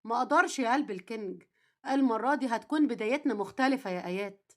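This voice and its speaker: A woman voicing a stern, reserved man in his thirties with an Egyptian accent, gruff and curt, then softly tender, in a storytelling drama. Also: a little high, expressive, fast talker, pitched below the performer's own voice, lightly acted. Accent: Egyptian Arabic.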